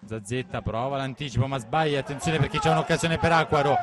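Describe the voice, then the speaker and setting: A man giving breathless, excited football play-by-play commentary, urgently repeating players' names and phrases. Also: mid-range voice, fast.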